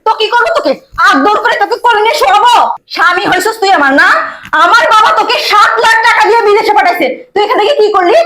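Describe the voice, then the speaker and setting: A woman's voice: very high voice, pushed and bright, a little hiss or hum. An actress playing a contemptuous young wife who taunts her husband. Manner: taunting, rude, rapid-fire questions. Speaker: wife and daughter.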